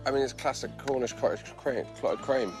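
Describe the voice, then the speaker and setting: A male comedian on a panel show, excitable and stumbling over his words. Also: medium pitch, a little fast, music in the background. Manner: excitable, stammering. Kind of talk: comic panel show banter. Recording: studio with a loud audience.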